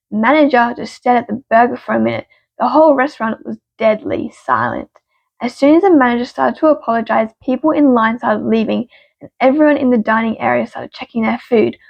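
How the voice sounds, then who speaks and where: A woman with a raised, gravelly fry reads stories aloud, expressive with quick punchy asides. Her voice is dry and close, with a slightly dull, muffled sound. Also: a little high, no echo. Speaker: story reader. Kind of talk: narrated story reading.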